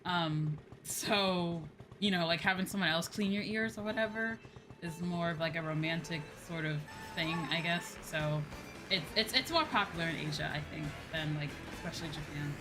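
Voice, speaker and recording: A woman with a fairly low voice talks at normal speed. As a streamer and VTuber host, she plays games and chats casually with viewers, drifting between topics, repeating phrases and swearing openly, all over video game music.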